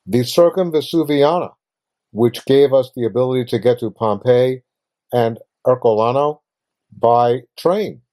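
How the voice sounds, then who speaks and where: A man's voice: mid-range voice, mellow. A man hosting a travel show, talking casually over slides, patient and explanatory, full of fillers and restarts. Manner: halting, with frequent fillers and restarts.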